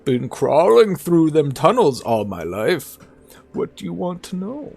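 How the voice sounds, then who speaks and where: A man's voice: on the high side, big pitch swings, a little slow, creaky, a little mellow, husky, soft background music, voice pushed up, heavily acted. A man voicing an amiable, chatty old scavenger from a video game in a folksy old-timer manner. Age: older. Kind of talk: video game dialogue read in character.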